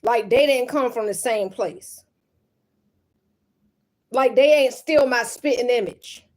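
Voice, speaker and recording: A woman's voice: fairly high pitch, takes it slowly, darkish tone. Blunt, emphatic woman venting. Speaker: mother. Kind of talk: venting to camera.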